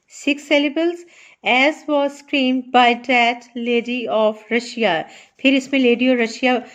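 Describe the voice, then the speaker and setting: A woman teacher with a Pakistani accent, explaining a lesson slowly and counting out syllables with care. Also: sits high. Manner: slow, careful, spells out syllables and counts aloud. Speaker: English teacher. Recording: dull lo-fi sound.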